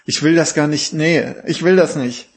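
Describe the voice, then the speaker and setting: A man's voice: on the high side, moderate pace. Man with dry joking asides. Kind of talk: casual chat.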